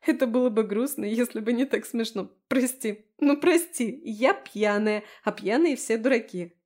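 A woman's voice: fairly high pitch, normal speed, darkish tone, natural voice. A woman voicing a tipsy, teasing young woman friend who keeps giggling, in an audiobook. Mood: giggly.

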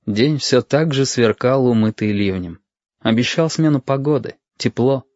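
A man reads a story aloud at a measured pace, with expression. His voice has a middle pitch. The recording is dry, with no room sound, and slightly muffled. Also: darkish tone, no echo. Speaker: audiobook narrator. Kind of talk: scripted narration. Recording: dull, dry lo-fi audio.

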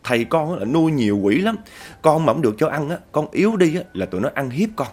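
A man's voice: fairly high pitch, big pitch swings, fast talker, darkish tone, pitched above the performer's own voice. A man voicing a cowed female hungry ghost who whimpers and begs. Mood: pleading, tearful. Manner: whimpering, begging tone.

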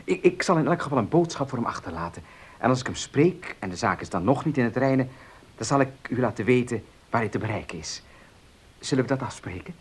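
In a Dutch radio play, an actor portrays a polite, eager, helpful gentleman who speaks formally and tends to stammer and repeat himself. His mid-range voice is animated, a little fast, and slightly rough.

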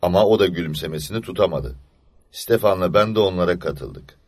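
A man reading an audiobook story aloud in a measured, low-key storytelling manner. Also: lively intonation, darkish tone, slightly rough, no echo, studio quality. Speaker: narrator.

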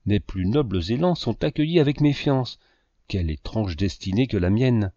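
A man reading the lines of a scheming, self-pitying man who flatters and presses a young woman, in a low voice with a lively pitch. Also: moderate pace, no room sound. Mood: insistent. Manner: insistent, flattering. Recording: dull lo-fi dry recording.

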